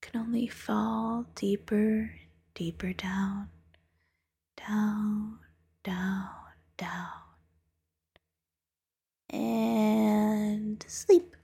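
A woman voicing a playful, teasing female demon who hypnotizes, in a soft-spoken, coaxing, whispery ASMR roleplay manner. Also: medium pitch, steady tone, extremely slow, long pauses, heavily acted. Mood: hypnotic. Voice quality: whispery, breathy.

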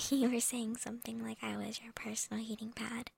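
A young woman whispering softly and teasingly into a close microphone, breaking into little laughs, in an ASMR girlfriend roleplay. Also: a little high, level tone, normal speed, vocal fry, breathy edge.

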